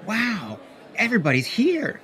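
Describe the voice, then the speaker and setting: A man's voice: medium pitch, very animated, normal speed, pushed and bright, a faint crowd. A man voicing an eager young girl puppeteer in a picture book read-aloud.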